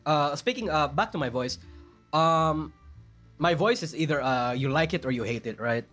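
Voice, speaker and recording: A man's voice: on the high side, expressive, moderate pace, fairly bright tone, faint music behind. A man with a Filipino accent chatting casually on a live stream, rambling and self-deprecating as he answers his chat. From Philippines.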